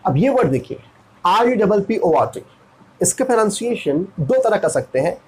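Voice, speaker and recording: A man's voice: high-pitched, very animated, moderate pace, a little mellow, breathy edge, low-quality recording. A man from India teaching pronunciation, repeating each word and spelling it out letter by letter. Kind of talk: classroom pronunciation lesson.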